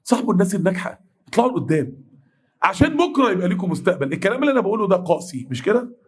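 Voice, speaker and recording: A man in his thirties with an Egyptian accent, giving a mosque lesson in an animated, blunt manner and acting out dialogue. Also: high-pitched, rapid-fire, husky. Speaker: preacher.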